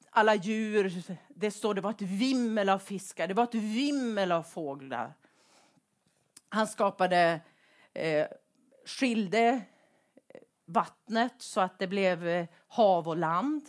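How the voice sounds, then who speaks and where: A woman preaching a sermon in a conversational way, asking the same questions again and again. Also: medium pitch. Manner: rhetorical, repeats questions; conversational with fillers.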